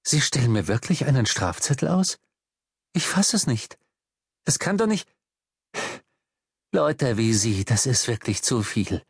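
A man's voice: medium pitch, big pitch swings, unhurried, pauses often, husky, no echo, clean studio sound, exaggerated voice. A man reading an audiobook, voicing a desperate middle-aged man who pleads and then hurls insults in a raised voice. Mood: abusive.

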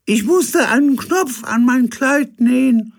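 A man voicing a high-voiced, offhand, vague woman in a comic story, breezy and matter-of-fact. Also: slow, creaky, heavily acted.

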